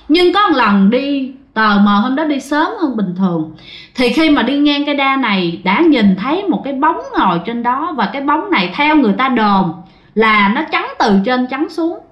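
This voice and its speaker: A woman tells ghost stories casually and keeps speaking to her listeners. Her voice sits a bit high. The recording is muffled and roomy. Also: sing-song, normal speed. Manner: chatty, addresses the audience often. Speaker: ghost story narrator.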